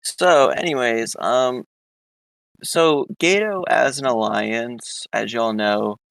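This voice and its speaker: Gravelly-voiced man, dry close sound. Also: mid-range voice, slow, a bit bright, no echo. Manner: flustered, swearing, offhand. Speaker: guest on stream. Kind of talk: casual chat.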